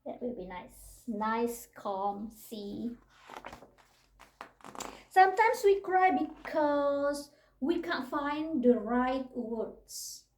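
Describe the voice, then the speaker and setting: A woman reading a picture book aloud to a child, gentle and unhurried, with little asides and soft laughs. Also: high-pitched, lively intonation. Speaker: storybook reader. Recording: roomy echo.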